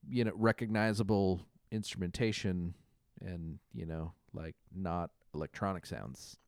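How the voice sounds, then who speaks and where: A man's voice: sits low, unhurried, gravelly, smooth, no echo, clean studio sound. A man co-hosting a podcast, talking in a rambling, hesitant way about music. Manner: rambling, hesitant, lots of fillers and restarts. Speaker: podcast co-host. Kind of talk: casual chat.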